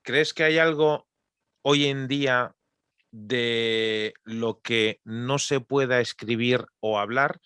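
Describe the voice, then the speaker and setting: A male host asks slow, halting questions and repeats words as he goes. His voice is smooth and resonant, with a dry, close sound. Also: medium pitch, steady tone, fairly bright tone, no room sound. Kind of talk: interview questions.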